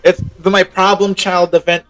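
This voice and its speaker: A young man joking through a let's-play session, wry and teasing, sometimes rushing his words. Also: high-pitched, level tone, fairly bright tone, faint music behind. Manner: wry, teasing, bursts of fast talk. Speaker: guest player. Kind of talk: casual let's-play banter.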